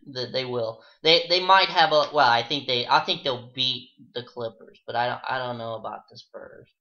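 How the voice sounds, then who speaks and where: A man co-hosting a casual sports podcast, talking fast and heating up into an exasperated rant. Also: medium pitch. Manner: animated, rising to an exasperated rant. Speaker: podcast co-host. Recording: dull lo-fi podcast audio.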